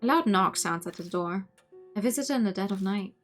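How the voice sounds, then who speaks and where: A playful, expressive woman game streamer reading a visual novel aloud, with casual asides to chat. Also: mid-range voice, a little fast, soft background music.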